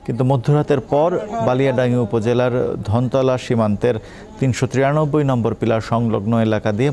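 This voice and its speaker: A man reading a scripted news bulletin as presenter, in a brisk, formal delivery. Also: mid-range voice, warm tone.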